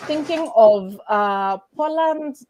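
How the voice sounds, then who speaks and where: A woman's voice: high-pitched, animated, takes it slowly, darkish tone, a little hiss or hum, rough recording. Kenyan young woman, laughing chat. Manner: laughs often, mixes in Swahili. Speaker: guest. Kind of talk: casual interview chat.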